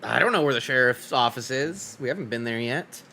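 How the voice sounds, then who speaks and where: A man playing a tabletop game, talking casually in an excitable, halting way. His voice is bright and creaky, with slight noise behind it. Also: mid-range voice.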